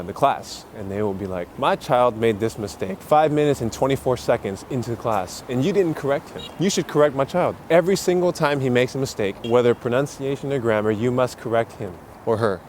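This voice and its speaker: Walking outdoors through busy city streets, an English teacher talks briskly in a casual vlog, explaining things with plenty of "uh" and "you know." His mid-range voice has a darkish tone, and faint street and traffic noise runs underneath.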